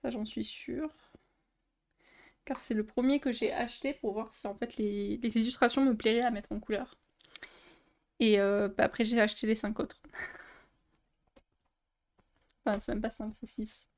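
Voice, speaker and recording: In a casual vlog, a young woman who runs a coloring-book channel shows her books, speaking at a normal speed in a fairly high voice with fairly even intonation. She pauses often and fills her talk with fillers and restarts.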